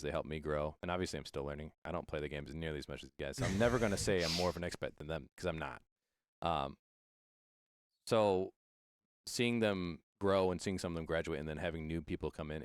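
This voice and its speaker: Casting: man, esports coach, very low voice, smooth and clear, earnest and reflective. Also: no echo, clean studio sound. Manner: earnest and reflective, many fillers and restarts. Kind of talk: casual interview.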